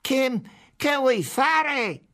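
A man doing a shrill, shouting fat cop. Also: lively intonation, slow pace, full character voice. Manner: shouts, crude, echoes the other cop. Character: short fat cruel policeman, shouting. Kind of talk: audiobook character voice.

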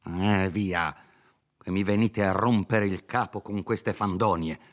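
A pompous, scheming old country lawyer, as a man reads him aloud speaks in a smooth, condescending, knowing tone. The voice sits a little low. It belongs to a storybook reading of a classic novel. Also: fairly even intonation, takes it slowly. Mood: indignant, shooing.

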